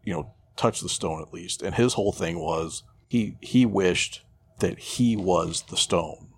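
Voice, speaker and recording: Speaking at a measured pace in a husky, low-pitched voice, a male podcast co-host chats casually. He rambles through the plot of a film, swearing and joking irreverently as he goes.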